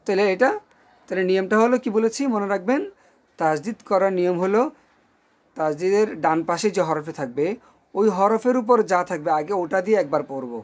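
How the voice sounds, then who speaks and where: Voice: medium pitch, darkish tone. A Quran reading teacher giving a recorded online lesson, patiently drilling syllables one by one and often asking if the listener is following. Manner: patient, checks in often with "okay?"; drills syllables slowly and clearly.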